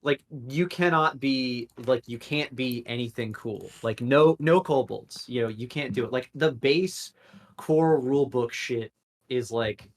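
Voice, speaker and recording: A man co-hosting a casual podcast chat, rambling with many fillers and restarts. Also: mid-range voice.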